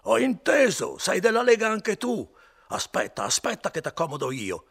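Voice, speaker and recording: A man voicing a boisterous, suspicious drunken young man in an audiobook, slurring with loud outbursts. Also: low-pitched, big pitch swings, moderate pace, vocal fry, breathy edge, full character voice. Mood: angry shouting. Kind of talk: audiobook character voice.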